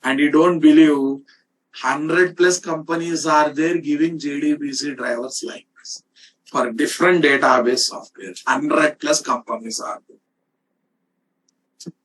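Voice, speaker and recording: Speaking slowly in a fairly high, steady, fairly bright voice, this man with an Indian accent teaches programming in a casual screen-shared lecture. He repeats and stresses points and keeps asking whether students follow. The distant-sounding microphone picks up slight background noise.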